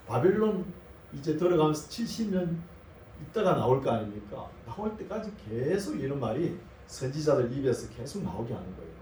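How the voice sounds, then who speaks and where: A male pastor preaching a sermon, slowly reading scripture aloud and then explaining it in plain conversational asides. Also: on the high side, mellow, slight background noise. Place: church sanctuary. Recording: roomy echo, distant mic, faint ambience.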